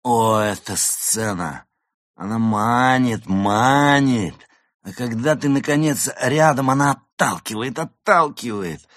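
A man's voice: medium pitch, lively intonation, slow pace, fairly bright tone, no room sound, clean studio sound, voice pushed up. A man doing a tipsy, melodramatic goose diva. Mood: dramatic. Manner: theatrical, swooping, wailing exclamations. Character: drunk, dramatic female goose stage diva. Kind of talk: audiobook character voice.

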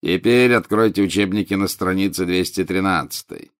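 A man voicing a cold, contemptuous male teacher who talks in a slow drawl. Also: sits low, close to an everyday voice. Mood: sneering.

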